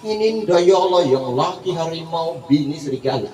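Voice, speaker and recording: A man giving a joking, animated sermon at a large religious gathering, acting out quoted couples. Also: fairly high pitch, moderate pace. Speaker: preacher. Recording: echoey, distant mic with crowd.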